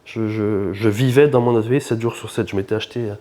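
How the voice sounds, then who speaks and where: Low-voiced man telling his story casually. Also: fast talker. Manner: informal, lively first-person storytelling. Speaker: truck parts shop founder, podcast guest.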